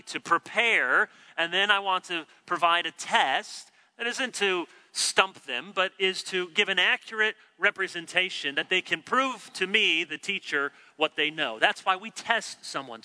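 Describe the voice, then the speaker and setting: A man's voice: high-pitched, bright, forceful tone. A man preaching an expository sermon, teacherly, who acts out the quoted complaints from scripture. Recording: long hall reverb.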